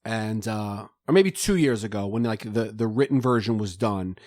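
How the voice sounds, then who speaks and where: A man's voice: fairly low pitch, lively intonation, moderate pace, darkish tone, no room sound, clean studio sound. A middle-aged man, a podcast guest, telling stories in a rambling way full of fillers and laughs. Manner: rambling, filler-heavy storytelling with frequent laughs. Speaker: podcast guest, rapper and author. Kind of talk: casual conversation.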